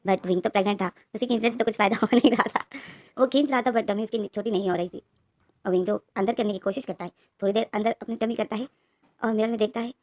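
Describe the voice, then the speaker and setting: A woman's voice: on the high side, darkish tone. A woman retelling a fan story as a narrator, quoting each character's lines in her own voice.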